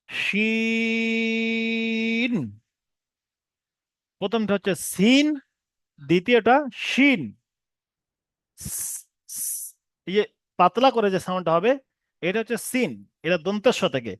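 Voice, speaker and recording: A man teaching an online reading class, who explains patiently and drags out each letter name slowly. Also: high voice, no echo. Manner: explains patiently, repeats letter names slowly with long drawn sounds. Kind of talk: recorded online class lesson.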